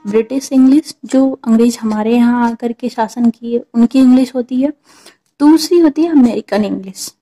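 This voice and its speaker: Indian lady teaching english sounds, highish mellow voice, repeats stuff, keeps asking if u got it. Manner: patient, repeats and checks in with viewers. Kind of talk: explaining pronunciation to viewers.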